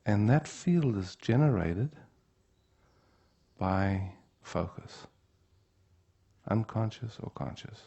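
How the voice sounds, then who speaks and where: A man gives an unhurried spiritual teaching talk at a retreat, pausing often to check in with the room. His voice sits low and gravelly, with a dark, husky tone. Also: expressive, muffled recording.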